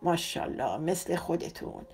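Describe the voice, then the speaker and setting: A woman's voice: deep voice, sing-song, gravelly, a little mellow, slight background noise, heavily acted. A woman voicing a flirtatious middle-aged neighbor woman, coy and sugary, in an audiobook. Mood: flirty. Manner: coquettish, sugary.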